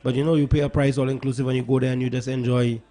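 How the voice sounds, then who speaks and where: Playful radio host. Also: male voice, medium pitch, little pitch movement, racing, warm tone. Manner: playful, jokey, laughs easily. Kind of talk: casual morning show banter. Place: radio studio.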